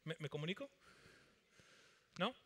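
A man preaching a sermon, animated, acting out Bible dialogue and little everyday skits. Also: fairly high pitch, a little slow, husky. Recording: long reverb of a church hall.

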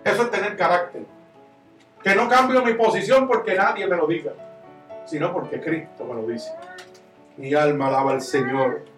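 A man preaching a sermon as pastor, impassioned and swinging from loud to hushed. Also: high voice, normal speed, pauses often, recorded from a distance. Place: church. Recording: echoey church room, miked from afar, soft guitar behind.

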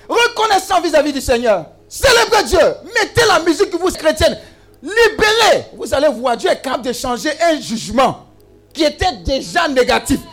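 High, animated preacher man. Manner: exclamatory, call-and-response with the congregation; humorous asides and teasing. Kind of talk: sermon.

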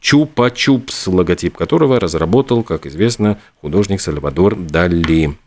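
A man co-hosting a show, telling trivia in a halting way with many fillers. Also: low voice, lively intonation. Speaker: co-host. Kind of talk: casual chat reading out trivia.

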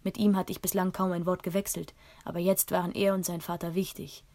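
Female audiobook narrator, calm and measured, low with a gravelly texture. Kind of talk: first-person story reading.

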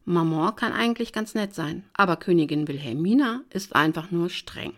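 Female audiobook reader, fairly low voice, lively, sarcastic first-person narration. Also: moderate pace. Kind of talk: first-person novel reading.

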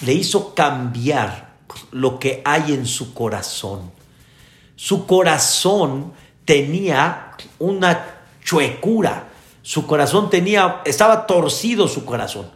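A man's voice: on the high side, expressive, takes it slowly. A man, a rabbi giving an earnest sermon to his congregation. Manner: earnest, addressing the congregation directly. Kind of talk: sermon with storytelling. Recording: echoey room.

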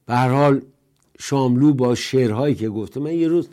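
A man's voice: mid-range voice, warm tone. An older man hosting a political commentary show, talking in a rambling, conversational monologue and reciting the odd verse. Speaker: host.

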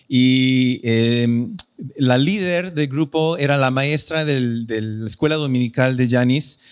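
A man's voice: mid-range voice, clear, resonant tone. A male pastor preaching a sermon in an earnest, conversational way, often correcting himself.

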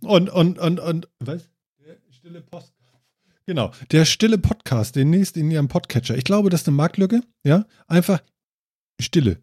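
A man's voice: a little high, expressive, moderate pace, darkish tone, no room sound, clean studio sound. Jokey rambling male podcast host. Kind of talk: casual chat.

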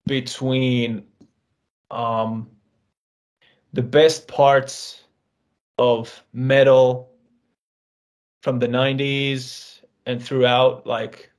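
A man in an interview, chatting casually about music, laughing often and swearing offhand. His is not English, and he has kids. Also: mid-range voice. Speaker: band member, guest.

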